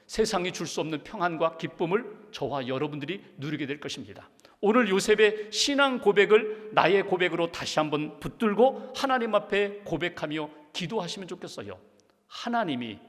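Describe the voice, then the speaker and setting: A male pastor preaches in a church sanctuary, his fairly high voice swinging widely in pitch as he drives home his points with repeated questions. The sound carries a long, ringing reverb from the hall. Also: fairly bright tone. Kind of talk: sermon.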